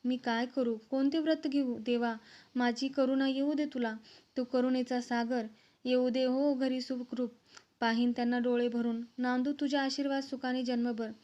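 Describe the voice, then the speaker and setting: A woman's voice: sits high, fairly even intonation, normal speed, mellow, lightly acted. A woman reading as a devout wife praying fervently. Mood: beseeching. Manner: fervent, beseeching. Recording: slightly dull, lo-fi recording.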